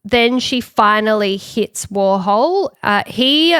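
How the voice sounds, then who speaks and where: A woman co-hosting a podcast, retelling a story in casual chat and acting out quick quotes. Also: medium pitch, lively intonation, a bit bright, clear, resonant tone, no echo, clean studio sound. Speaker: podcast co-host.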